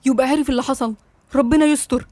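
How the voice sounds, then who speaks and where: A woman's voice: high voice, fairly even intonation, very fast, a little mellow. A woman with an Egyptian accent voicing an offhand young man, the younger brother. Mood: worried. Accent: Egyptian Arabic. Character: careless, candid younger brother.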